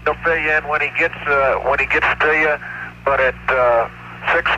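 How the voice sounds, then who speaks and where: Guy on a spacecraft radio link, super bright sharp voice, calm clipped radio talk, some hiss behind. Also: a little high, moderate pace, highs cut off. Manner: calm and methodical, repeats call signs. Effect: radio transmission from a spacecraft. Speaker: astronaut calling mission control. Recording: noisy archival space radio.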